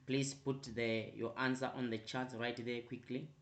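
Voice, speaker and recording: A man at a mid pitch leads an online accounting revision class. He keeps checking in with "right?" and urging answers "quickly." He grows louder and more insistent when he explains a rule. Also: little pitch movement. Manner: repetitive, prompting with "right?" and "quickly". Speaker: accounting tutor.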